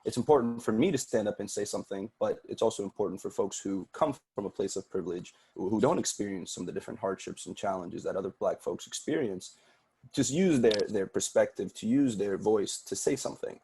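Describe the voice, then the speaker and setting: This Sudanese podcast guest, a native Arabic speaker, talks earnestly in a casual interview, often repeating words as he starts a thought. His voice is on the low side, dark and husky, and he speaks a little fast.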